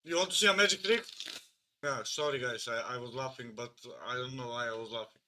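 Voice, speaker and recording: A man's voice: medium pitch, fairly quick, sharp tone, slight background noise. A man with a Serbian accent bantering on a live stream, joking in broken English. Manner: joking, broken English, says "brate" constantly. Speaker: livestreamer. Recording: music playing in the background.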